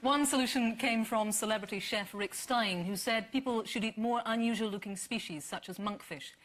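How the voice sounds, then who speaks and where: A woman's voice: fairly high pitch, moderate pace, a bit bright. Dry-witted woman hosting a quiz show. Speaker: quiz host. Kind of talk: scripted panel show hosting.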